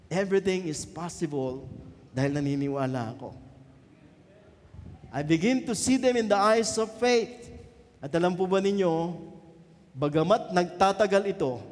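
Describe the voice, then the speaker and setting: High-voiced preaching man in echoing church. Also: slight background noise. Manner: mixes English into his preaching, calls for amens. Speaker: pastor. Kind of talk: sermon. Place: church hall. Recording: long church hall reverb.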